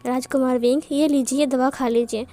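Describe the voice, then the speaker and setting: A woman voicing a male village doctor in a storybook narration, calm and reassuring. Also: high-pitched, fairly quick, natural voice. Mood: soothing.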